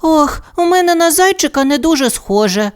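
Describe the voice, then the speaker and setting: A squeaky little girl bunny, played by a woman, bursts out in a very high voice. Her pitch leaps up and down as she exclaims. She is a storybook character for small children. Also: expressive, measured pace. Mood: excited.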